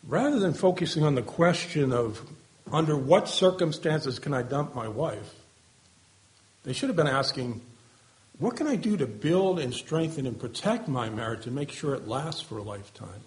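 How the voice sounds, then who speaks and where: A man's voice: fairly high pitch, expressive, normal speed. A man preaching an earnest sermon, asking rhetorical questions and letting his voice fall at the ends of phrases.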